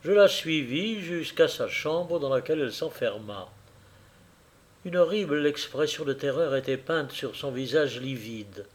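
A man's voice: a little high, animated. Man narrating a suspense novel. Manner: dramatic reading, slowing for suspense. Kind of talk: scripted narration of a classic novel.

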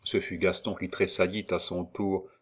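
A man narrating a classic novel in a measured, even storytelling manner. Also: deep voice, husky. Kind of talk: audiobook reading of a classic novel.

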